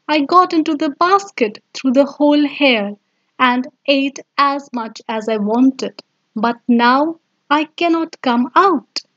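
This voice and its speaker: A woman's voice: high voice, takes it slowly, a bit bright. A woman voicing a hungry, greedy little male mouse who pleads and sobs for help. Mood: pleading. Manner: pleading, sobbing. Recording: dull lo-fi sound.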